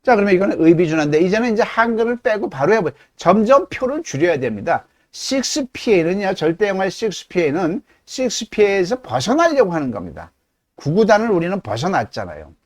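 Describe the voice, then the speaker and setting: A middle-aged male teacher lecturing on grammar, his voice sitting a little high and swinging up and down with lively emphasis. He explains things step by step and poses questions that he answers himself. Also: a little fast. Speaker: English teacher.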